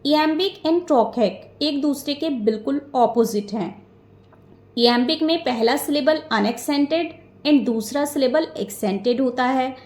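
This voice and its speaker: High-voiced woman teaching a quiz lesson. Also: echoey room. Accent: Indian English. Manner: reads English questions slowly and deliberately, explains in Hindi.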